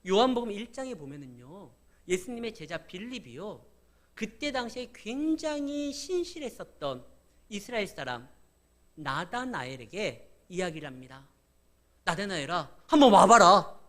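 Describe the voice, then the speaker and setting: A man's voice: sits high, very animated, normal speed. A man, a pastor, preaching a sermon in a conversational way, acting out biblical dialogue as he goes.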